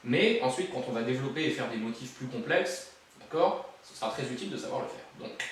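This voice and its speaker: Counting beats aloud with playful asides, a drum teacher jokes his way through exercises as drums play in the background. He speaks a little fast, with a medium pitch and lively intonation. In the very echoey drum-kit room his voice sounds far off, and there's background noise.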